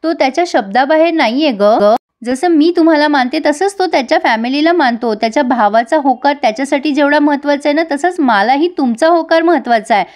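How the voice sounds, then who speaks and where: A woman's voice: high voice, expressive, brisk, hardly any pauses, darkish tone. A woman voicing an earnest young woman who pleads for her love. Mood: pleading.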